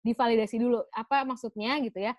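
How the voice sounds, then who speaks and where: A woman's voice: fairly high pitch, fairly even intonation, fast talker, no room sound, dull audio. A woman patiently explaining things in a casual chat, slipping in English phrases. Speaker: guest explaining emotions.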